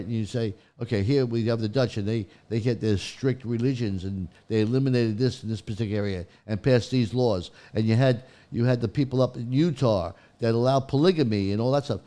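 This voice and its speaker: A man's voice: medium pitch, mellow. A man arguing in an informal panel debate, insistent and emphatic, repeating his points. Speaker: talk show panelist.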